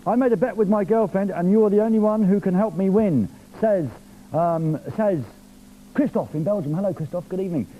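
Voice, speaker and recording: A man's voice: sits high, a little fast, narrow, tinny audio, slight background noise. A man hosting a live television music show from a studio, reading viewer messages in a jokey, teasing, playful way.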